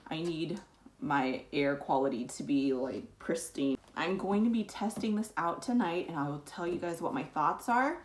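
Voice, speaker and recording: Young woman, casual home vlog, chatty and bubbly, lowish voice, faint background hiss. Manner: chatty and bubbly, quick asides. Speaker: wellness vlogger. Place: home, indoors.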